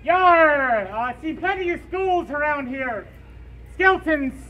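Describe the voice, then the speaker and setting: A woman's voice: sits high, lively intonation, measured pace, highs cut off, faint music behind. A woman vlogging in a pirate fursuit costume inside a drugstore, chatting playfully with lots of filler sounds and pirate interjections. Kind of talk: playful pirate-themed vlog chat.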